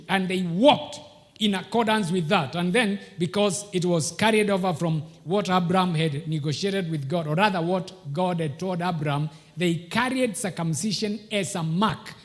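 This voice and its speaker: A pastor delivers an emphatic sermon in a fairly high voice. He often poses a rhetorical question and answers it himself. The voice rings with a long reverb from the church hall. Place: church hall, live service.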